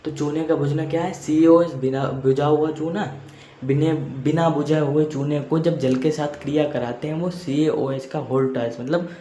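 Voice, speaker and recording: A man's voice: a little high, steady tone, moderate pace, warm tone. A man teaching a chemistry lesson, repeating points and often checking in with students. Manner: repeats points, frequent "theek hai" check-ins. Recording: echoey room with faint noise.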